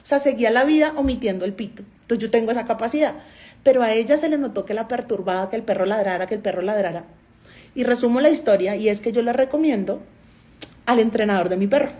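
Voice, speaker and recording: High-voiced Colombian woman giving a talk. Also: quick pace, warm tone. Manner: storytelling, often acting out dialogue. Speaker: doctor and therapist giving a talk. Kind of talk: motivational talk to a live online audience.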